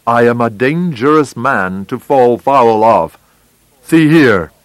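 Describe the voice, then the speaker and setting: A man's voice: mid-range voice, big pitch swings, measured pace, no room sound. A man playing a snarling, furious old villain. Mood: menacing. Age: older. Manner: snarling, shouting, blustering. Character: furious, menacing old villain, huge and fierce. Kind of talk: audiobook character voice.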